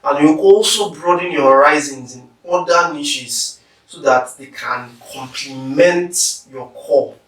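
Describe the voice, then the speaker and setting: A man teaching public speaking in a slow, deliberate lecture, carefully stressing syllables as he demonstrates words. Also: on the high side, fairly bright tone. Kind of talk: instructional lecture. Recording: echoey room, somewhat far from the mic.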